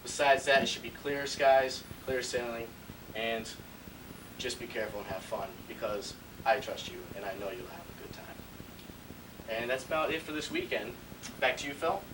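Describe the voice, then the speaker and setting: In a parody newscast, a man with a mid-range, fairly everyday voice plays a breezy, mock-serious TV weatherman, cheerfully forecasting wild teen parties at normal speed. The mic is distant, with faint room noise.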